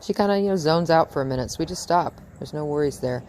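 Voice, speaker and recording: A woman's voice: low voice, quick pace, darkish tone, a little hiss or hum. A woman dog trainer chatting through a training session outdoors in front of a house, cooing praise at the dog and laughing often.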